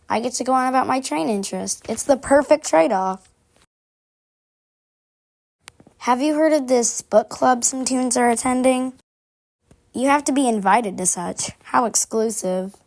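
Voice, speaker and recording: A woman's voice: on the high side, darkish tone, close to an everyday voice. Woman voicing a prim, gossipy cartoon busybody. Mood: prim, musing. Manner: confiding gossip, formal and prim phrasing. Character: prim, gossipy, busy train-supplier character, aloof and confiding. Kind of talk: scripted character monologue.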